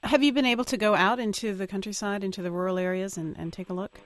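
A woman's voice: medium pitch, fairly even intonation, fast talker, dry recording. A woman with an American accent presenting and interviewing as the host of a radio news programme. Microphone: close studio microphone.

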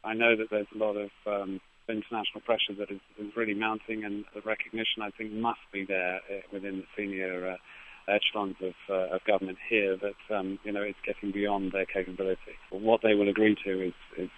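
Man, halting interviewee, flat delivery, thin telephone sound. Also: on the low side. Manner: hesitant, halting with repeated false starts. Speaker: aid agency representative, interviewee. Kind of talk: live news interview. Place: phone call to a radio studio. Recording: tinny phone line.

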